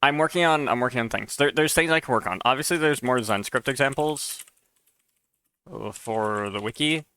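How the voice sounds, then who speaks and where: A man's voice: medium pitch, normal speed, pushed and bright, clear, resonant tone, dry recording. A man streaming live while he codes, rambling and stammering through casual chat and often saying "dude". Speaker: streamer and mod developer.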